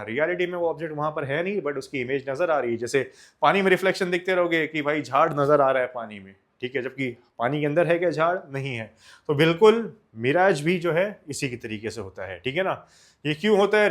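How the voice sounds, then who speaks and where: Young man from India, science teacher, slightly high voice, explains in Hindi and English, keeps checking students follow, drills with self-answered questions. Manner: asks questions and answers them himself, often says "ok na"; addresses students as children, mixes Hindi and English. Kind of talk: exam-focused science lecture.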